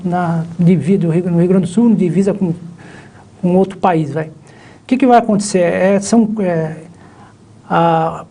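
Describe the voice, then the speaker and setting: A man's voice: high voice, steady tone, unhurried, long pauses, dark tone. A male professor with a Brazilian Portuguese accent, explaining logistics in a live online class, rambling with many restarts. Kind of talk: live online lecture chat.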